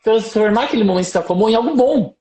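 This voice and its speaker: A Brazilian man, a doctor, giving parenting advice on a live stream in a lively, explaining way with anecdotes. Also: sits high, rapid-fire, echoey room. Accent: Brazilian Portuguese. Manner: lively explaining, tells anecdotes, asks "percebe?".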